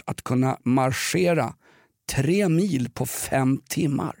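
A man's voice: medium pitch, a little mellow, no echo, studio quality. A man co-hosting a podcast in casual chat, ranting sardonically and joking. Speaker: podcast co-host.

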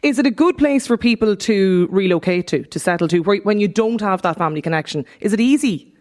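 A woman's voice: medium pitch, lively intonation, a little fast, darkish tone. A woman with an Irish accent, interviewing guests conversationally as a radio host.

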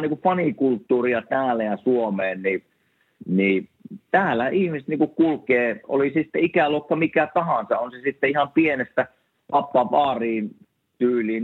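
A former hockey player chatting casually on a podcast, halting and full of restarts. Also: male voice, mid-range voice, breathy edge. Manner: halting, many restarts and fillers. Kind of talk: casual chat. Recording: tinny phone-like line, dry.

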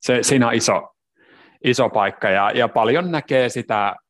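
A man co-hosting a podcast, talking reflectively about workplace culture in a casual discussion. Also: mid-range voice. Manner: reflective, with many restarts and fillers. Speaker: podcast co-host.

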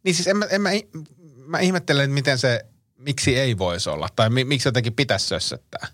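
A man's voice: mid-range voice, expressive, a bit bright, no echo. A man co-hosting a casual podcast, swearing freely and laughing often as he reads out listener questions. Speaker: podcast co-host.

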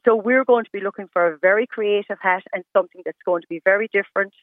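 A woman's voice: mid-range voice, fast talker, no room sound. A woman with a west of Ireland accent, speaking emphatically as a guest in a live radio phone interview, often restating points in short parallel phrases. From Galway, west of Ireland. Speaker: interview guest, stylist and fashion competition judge. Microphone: telephone. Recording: muffled narrow-band phone line.

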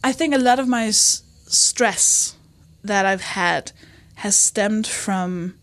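Woman, comedian and author, interview guest, candid, animated, mid-pitched voice. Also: slow. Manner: candid, animated, quotes herself and others. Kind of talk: conversational interview.

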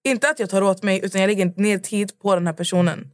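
Young woman, podcast co-host, lively storyteller who plays both parts; dry close sound. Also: medium pitch, no room sound. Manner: animated storyteller, acts out both sides of chats. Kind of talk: casual chat.

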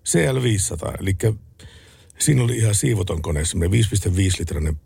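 A man co-hosting a late-night radio talk show in a relaxed, chatty way, reading out listener messages. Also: low voice, vocal fry, husky, no room sound. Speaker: radio co-host.

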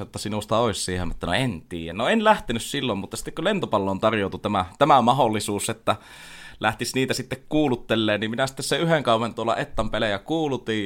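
A man who works as a sports announcer, talking casually about his work with frequent pauses and fillers. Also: lowish voice. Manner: hesitant, many fillers, steady. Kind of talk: casual chat.

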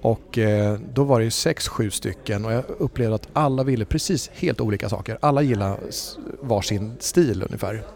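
A man's voice: fairly low pitch, gravelly, few pauses, darkish tone. Man talking through a voice-casting interview. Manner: thoughtful, hesitant with fillers and restarts. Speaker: voice agency CEO and voice-over speaker. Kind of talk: conversational interview.

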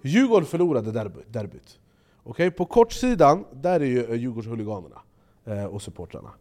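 A man co-hosting a podcast in casual chat, animated and swearing, acting out quotes in loud raised voices. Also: mid-range voice, faint music behind. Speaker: podcast co-host.

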